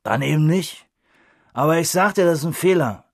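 A man's voice: on the high side, lively intonation, normal speed, gravelly, no room sound, clean studio sound. A man voicing a boisterous, mocking drunkard in an audiobook reading, with a brash, raised voice.

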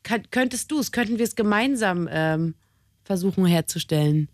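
A woman hosts a relaxed radio conversation, joking and teasing as she goes. She rambles a little, with plenty of fillers and restarts. The sound is dry and close. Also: medium pitch, normal speed, no room sound. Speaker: radio host. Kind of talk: casual radio chat.

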